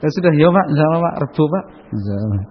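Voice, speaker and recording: A man's voice: on the high side, animated, fast talker, husky. A man giving a casual religious talk, chatty and often asking listeners to agree. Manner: chatty, asks the audience for agreement, slips into Javanese. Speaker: Islamic preacher. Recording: dull lo-fi sound with long hall reverb.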